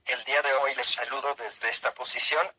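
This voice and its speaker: A male synthesized text-to-speech voice like an old speech synthesizer, reading a scripted opinion segment in a robotic, measured way. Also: medium pitch, fairly even intonation, bright, forceful tone, rough recording. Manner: robotic, evenly measured delivery. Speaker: opinion columnist.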